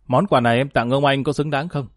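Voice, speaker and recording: A man's voice: mid-range voice, steady tone, fast, no room sound, close to an everyday voice. A man voicing a sly, cruel male gang boss who taunts with false politeness, recorded dry. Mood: smug taunting.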